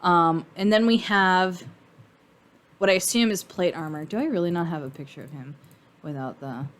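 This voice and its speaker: A woman giving casual, rambling fan commentary on cartoon costume design, informal and thinking out loud. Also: lowish voice, moderate pace.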